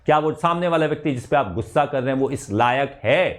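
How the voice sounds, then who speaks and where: A man's voice: medium pitch, fast. A middle-aged man, a chemistry teacher, giving an emphatic motivational talk to exam students, asking rhetorical questions and slipping English phrases into his speech.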